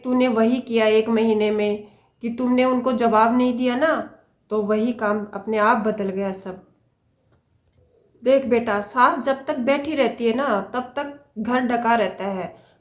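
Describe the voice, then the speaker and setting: A woman's voice: a little high, reverberant, lightly acted. A woman playing a middle-aged mother who patiently lectures her daughter with homely advice.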